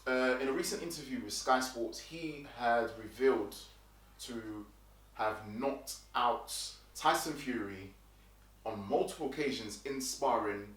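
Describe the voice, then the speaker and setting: A man's voice: medium pitch, measured pace, a bit bright. A man hosting a casual boxing news roundup, chatty, with fillers and restarts. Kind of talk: casual commentary. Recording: roomy and distant from the mic.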